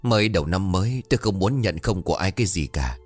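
A man's voice: deep voice, expressive, fast talker, soft background music. A man voicing a poor, grateful old man who insists kindly. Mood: insistent. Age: older.

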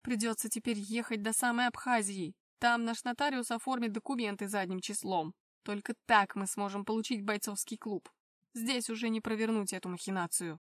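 A scheming, hard-edged stepmother, voiced by a woman narrator, speaking tensely and forcefully. The delivery is loud and close, with a dry audiobook sound. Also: a little high, fairly even intonation, normal speed, no room sound, lightly acted.

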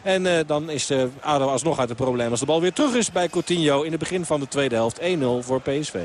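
A man's voice: on the high side, quick pace, a little hiss or hum. A man giving live play-by-play football commentary on the radio, talking on steadily with filler sounds. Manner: fluent running play-by-play with fillers.

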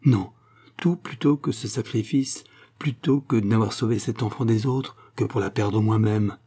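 A man reading a first-person literary short story aloud, in a measured, dramatic storytelling manner. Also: on the low side, warm tone, breathy edge. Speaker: narrator.

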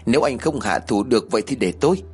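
A man's voice: mid-range voice, expressive, quick pace, a little mellow, slightly rough. A man voicing a fierce, impatient young woman villain in an audiobook. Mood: angry.

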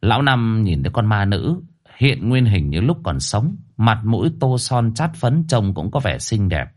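A man narrating a horror story dramatically. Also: a little slow. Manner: animated, swinging pitch for drama.

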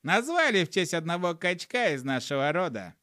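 A man's voice: high-pitched, very animated, normal speed, sharp tone, no echo, clean studio sound, pitched above the performer's own voice, exaggerated voice. A man voicing a foul-mouthed, hot-tempered male gnome who grumbles and swears constantly in an audiobook. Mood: indignant. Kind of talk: audiobook character voice.

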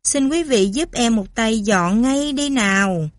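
A woman's voice: fairly high pitch, expressive, measured pace, no echo. A woman voicing a coy, affected southern belle. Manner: affected, coquettish.

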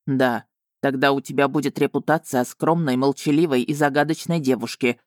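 A woman voicing a proud, stern male dragon who speaks to his fiancée in slow, commanding tones. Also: rumbling low, fairly even intonation, darkish tone, no room sound, studio quality. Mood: serious. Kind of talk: audiobook character voice.

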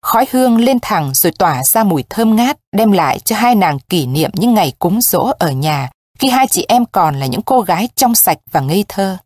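A woman narrating a story in a slow, somber reading voice. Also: mid-range voice, very animated, darkish tone, dry recording, studio quality.

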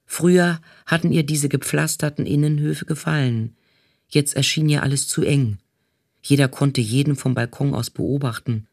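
A man reading a novel aloud in calm, even scripted narration. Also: mid-range voice, creaky, dry recording, clean studio sound. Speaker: audiobook reader.

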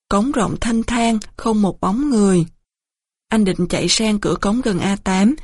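A woman narrating an audiobook of a war story in a measured, somber manner. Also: medium pitch, mellow, no echo, studio quality.

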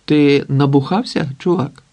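A man's voice: fairly high pitch, measured pace, darkish tone. A man voicing a blunt, cocky young mechanic who talks curtly in slang.

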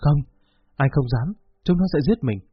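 A man's voice: fairly high pitch, lively intonation, moderate pace, husky, no room sound. Man reading an anxious, fearful young man. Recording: dull lo-fi recording with faint music.

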